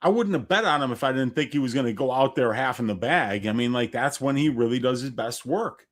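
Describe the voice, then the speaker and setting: A man's voice: medium pitch, animated, a little fast. A man co-hosting a live fight watch-along, a little tipsy, joking around in casual banter. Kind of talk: casual live-stream chat.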